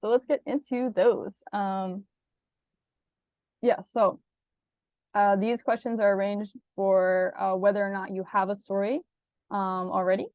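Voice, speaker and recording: A woman giving a casual online writing workshop, talking loosely with many pauses and fillers. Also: medium pitch, dry recording, dull audio. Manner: relaxed, many ums, laughs easily. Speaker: workshop presenter.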